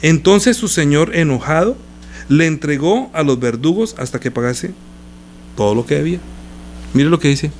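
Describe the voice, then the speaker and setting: A man with a somewhat high voice preaches a sermon. He reads Bible verses aloud and interrupts them with explanations and rhetorical questions to his listeners. A faint hum runs under the recording. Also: animated, normal speed, a little mellow. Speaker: pastor.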